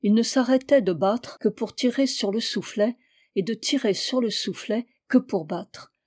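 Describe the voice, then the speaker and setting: Woman audiobook narrator, folk tale, mellow and warm, even storytelling delivery. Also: a little high, measured pace, husky. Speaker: audiobook reader.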